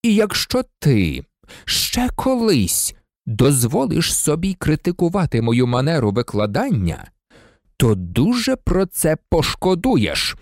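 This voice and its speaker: An audiobook reader voicing a cold, sneering male professor with a slow, silky, menacing delivery. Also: medium pitch, wildly swooping pitch, darkish tone, no room sound, studio quality, pitched above the performer's own voice. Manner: icy, contemptuous.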